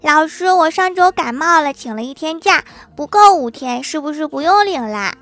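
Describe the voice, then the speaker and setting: A woman voicing an excited little schoolgirl who asks her teacher an eager, pleading question. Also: high voice, moderate pace, pitched above the performer's own voice. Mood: gleeful.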